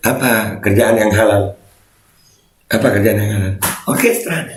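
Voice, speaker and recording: A man's voice: fairly low pitch, normal speed, reverberant. A man hosting a casual commentary, mocking and laughing as he reads comments aloud. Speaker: host.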